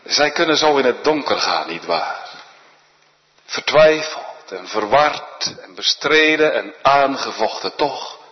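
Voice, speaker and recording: A man preaching a sermon in a solemn, earnest manner, often dropping to a hushed voice. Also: medium pitch, expressive, takes it slowly. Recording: dull echoey church recording.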